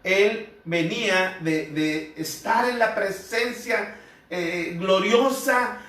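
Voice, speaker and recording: Male pastor giving a sermon: slow and earnest, bright tone, echoey room. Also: high-pitched. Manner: measured, earnest preaching with rhetorical questions. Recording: echoey room, heard from a distance.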